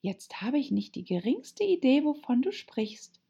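A woman's voice: high voice, very animated, measured pace, vocal fry, warm tone, husky, voice pushed up, heavily acted. A woman voicing a bewildered, indignant little girl, on a dull lo-fi recording. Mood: earnest, flustered. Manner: indignant, truthful.

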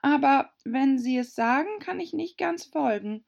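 A woman's voice: sits high, expressive, measured pace, gravelly, a little mellow, dull audio, pitched above the performer's own voice, full character voice. A woman voicing Alice, a polite and thoughtful young girl, speaking earnestly.

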